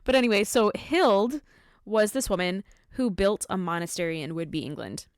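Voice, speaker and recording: A woman's voice: mid-range voice, animated, normal speed, clean tone, dry recording, clean studio sound. A woman hosting a podcast, recapping in an informal, giggly, chatty way. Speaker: podcast host. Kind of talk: casual chat, recapping a talk.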